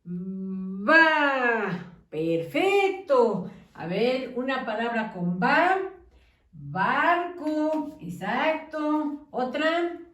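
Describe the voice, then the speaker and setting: A woman teacher leading a children's phonics lesson, drawing out syllables in a slow, sing-song way and praising often. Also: sits high, very animated, a bit bright, echoey room, distant mic.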